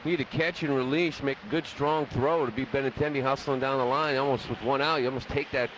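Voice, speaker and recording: A mid-range, steady-toned American man talks quickly, giving conversational baseball color commentary for a live radio broadcast in a stadium booth. The audio sounds muffled, with loud ballpark ambience in the background.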